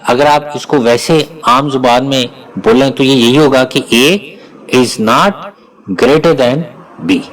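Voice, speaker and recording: A man giving a recorded programming lecture, explaining each operator slowly and deliberately. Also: a little high, low-quality recording. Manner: slow, deliberate, often pauses to spell out each operator. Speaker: programming teacher.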